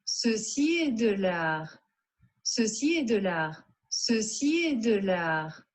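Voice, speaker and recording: A man's voice: high voice, sing-song, voice pushed up, full character voice. A man putting on an exaggerated French accent, drawing out a short phrase about art in a lesson. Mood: grand. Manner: exaggerated put-on French accent, slow and drawn out. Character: slow, drawn-out French-accented art speaker, male.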